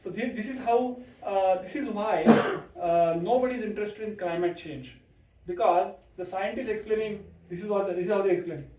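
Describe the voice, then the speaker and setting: Male host for a kids' session, higher voice, restless restarts, distant echoey room. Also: normal speed. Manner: animated, many restarts and checks like right?. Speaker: host introducing a guest to kids. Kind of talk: casual talk to children. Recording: echoey room, far from mic.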